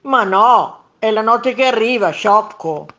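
A woman voicing a grumpy, bickering monster in a children's story read aloud, yelling insults back in a raised voice. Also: lowish voice, expressive, slow pace, creaky, highs cut off, heavily acted. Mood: angry yelling.

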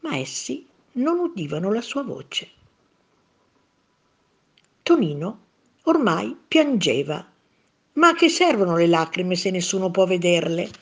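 A woman reading a children's story aloud as storyteller, slow and expressive. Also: lowish voice.

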